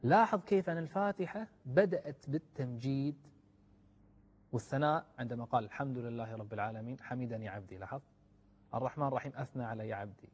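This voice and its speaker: Husky man preaching in a hall. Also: medium pitch, fast. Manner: swings from soft, hushed asides to loud, emphatic exhortation. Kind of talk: religious sermon. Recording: long hall reverb.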